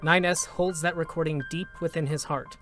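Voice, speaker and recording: Over faint music, a male narrator solemnly reads a dramatic script in short, deliberate, measured phrases. His fairly high-set voice is steady and fairly bright.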